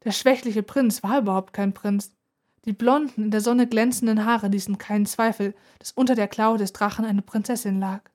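A woman narrating a children's adventure story aloud in an even, expressive way. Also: medium pitch, normal speed. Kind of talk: storybook reading.

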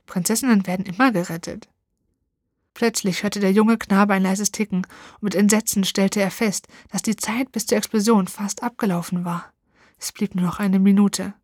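A woman reading a fairy tale aloud, expressive and dramatic, slowing down for tense moments. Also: medium pitch, no room sound, clean studio sound. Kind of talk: storybook narration.

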